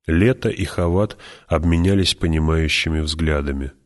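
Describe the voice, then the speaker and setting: A man narrating an audiobook in a steady, even storytelling manner. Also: very deep voice, moderate pace. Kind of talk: scripted narration.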